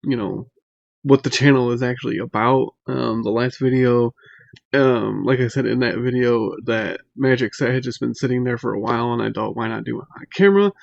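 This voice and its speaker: A man giving a casual, unscripted tutorial in a halting, hesitant way, pausing mid-phrase, recorded on a laptop microphone. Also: mid-range voice, gravelly, no room sound, dull audio. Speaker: magic tutorial host. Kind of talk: casual unscripted how-to explanation. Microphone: laptop built-in mic.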